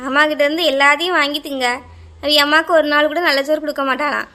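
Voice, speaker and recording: A woman voicing a nosy village gossip in a cartoon. Her voice is high and sharply bright, and she chatters and scolds. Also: steady tone, fast. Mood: gossipy scolding. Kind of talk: cartoon voice acting.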